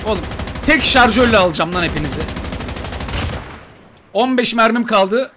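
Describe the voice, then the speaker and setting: A man commenting on his mobile shooter gameplay for viewers, excitable and joking, trash-talking enemies. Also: high-pitched, moderate pace. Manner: excitable, swears playfully, talks to viewers and enemies. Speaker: gaming YouTuber. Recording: gunfire and game noise behind.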